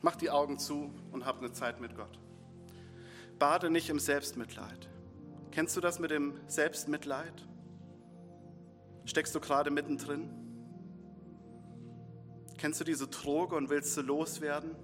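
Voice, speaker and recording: A man's voice: a little high, steady tone, slow pace, long pauses, fairly bright tone. A man preaching a sermon with earnest, repetitive phrasing, leading his congregation into prayer. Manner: earnest, builds in repeated short phrases. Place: church hall. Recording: long reverb in a hall, faint music.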